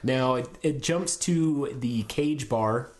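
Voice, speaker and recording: A man's voice: mid-range voice, slow, a little mellow. A man hosting a casual film review podcast, recapping the plot in a laid-back way with crude jokes.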